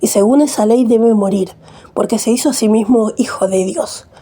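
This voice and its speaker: A woman's voice: fairly high pitch, normal speed, dark tone, husky. A woman reading the accusing lines of a crowd of priests in her own plain voice. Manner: read plainly in the reader's own voice.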